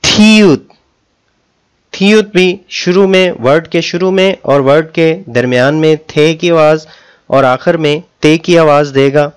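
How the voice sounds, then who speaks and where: A man teaching a Korean language lesson, speaking Urdu as his first language, with patient explanations and slow, drawn-out pronunciation drills. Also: a little high, clear, resonant tone.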